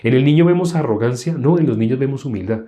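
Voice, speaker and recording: A male preacher delivers a sermon in a dark, mellow voice. He leans on rhetorical questions to his listeners. He acts out the people he quotes with sudden leaps in pitch. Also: lively intonation, fast talker.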